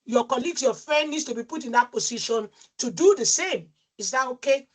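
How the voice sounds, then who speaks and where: A woman's voice: sits high, a little fast. A woman hosting an online talk over a video call, affirming speakers and steering to the next question. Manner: affirming, directive, moves the session along. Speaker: host and facilitator.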